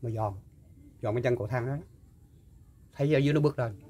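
An older man, recalling a story in casual talk and pausing often with fillers and repeated words. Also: medium pitch, mellow. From Mekong Delta, Vietnam. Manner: halting, full of fillers and repeats. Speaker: guest storyteller. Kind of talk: casual spoken recollection.

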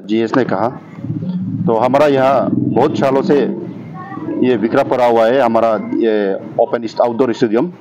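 A man's voice: medium pitch, a little mellow, dull audio, a little hiss or hum. A young man, a sports association official, making an earnest appeal to the public at an outdoor press briefing, speaking into table microphones. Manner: earnest, appealing to the public, lists many groups. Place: outdoor rooftop terrace.

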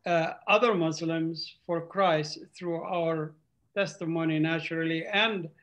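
A man's voice: fairly high pitch, fairly even intonation, a bit bright, lo-fi sound. Earnest older man. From Palestinian, raised in Saudi Arabia and Qatar. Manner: earnest, halting with frequent uhs. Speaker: ministry speaker. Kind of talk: testimony on a video call. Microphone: video call.

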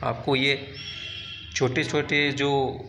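A man's voice: medium pitch, little pitch movement, drawn-out words, sharp tone, faint music behind. A man teaching, working through quiz questions one by one and explaining each answer step by step, now and then correcting himself. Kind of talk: exam quiz walkthrough.

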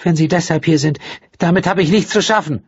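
A man voicing a furious, frightened middle-aged woman in an audiobook, speaking high-pitched and panicky. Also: fairly even intonation, slow pace, creaky, a little mellow, breathy edge, dull audio, full character voice.

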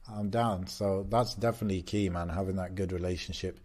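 Low-pitched man, relaxed podcast co-host. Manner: relaxed, affirming, quick when making a point. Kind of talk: casual chat.

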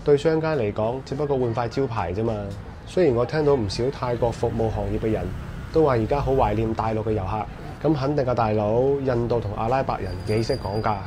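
A man's voice: mid-range voice, a little fast, noisy background. A man speaking Cantonese, walking a busy nightlife street as a vlog host and giving wry, opinionated commentary. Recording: music blaring from street bars. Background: loud bar music.

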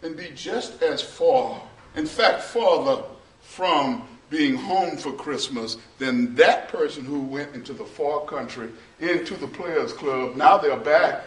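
A middle-aged male pastor preaching a sermon in a small church. He preaches slowly and builds to shouting, half-sung peaks. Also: fairly high pitch, animated. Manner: slow, preachy, rises to shouting and half-singing. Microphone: far camera, no mic seen. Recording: roomy church echo from far off.

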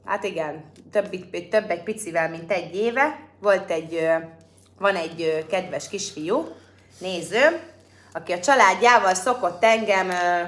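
A woman's voice: medium pitch, a bit bright. A woman hosting a livestream, chatting casually and directly with her viewers. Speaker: livestream host.

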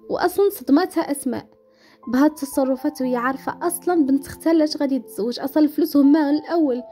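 A woman's voice: high-pitched, warm tone. A woman with a Moroccan accent narrating a dramatic story and voicing the characters' quoted lines.

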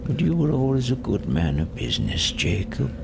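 Creaky, frightened, crotchety old miser. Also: male voice, mid-range voice, sing-song, noisy background. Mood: pleading, awed. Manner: stammering, halting, theatrical, swooping delivery. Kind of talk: audio drama acting of a Victorian ghost story.

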